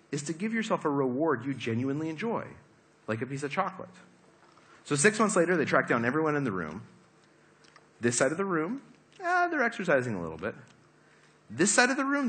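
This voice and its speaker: A man giving a lively talk to a live audience, asking them questions as he explains his points. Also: on the high side. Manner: animated, asks the audience questions. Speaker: speaker giving a talk on habits.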